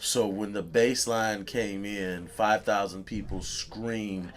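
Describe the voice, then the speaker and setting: A radio host with a low-pitched voice, chatting in a casual interview. He is effusive, repeats his praise and laughs easily as he tells stories. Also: steady tone, slow pace.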